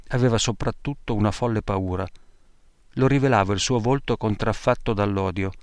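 A man reading a wartime memoir aloud in a measured, grave manner. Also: lowish voice, clear, resonant tone, no room sound, studio quality. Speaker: narrator.

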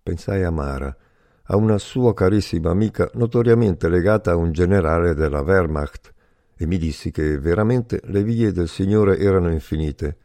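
Low dark-voiced man reading a memoir, steady, dry sound. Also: normal speed, no room sound. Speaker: narrator. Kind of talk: first-person memoir reading.

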